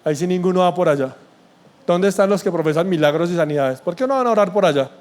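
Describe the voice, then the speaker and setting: High-voiced pastor preaching. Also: male voice, lively intonation, fast, darkish tone. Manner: emphatic, asks the congregation rhetorical questions; blunt and sarcastic. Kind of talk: sermon. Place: church.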